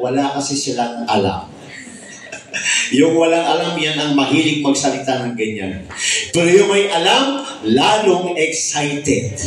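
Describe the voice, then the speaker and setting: A man preaching a sermon in a fairly high, lively voice, switching between two languages and calling out praise between points. He sounds emphatic and often shouts. His voice rings through an echoey hall, picked up from a mic well away from him. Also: slight background noise. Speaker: Bible study preacher. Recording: echoey room, mic far off.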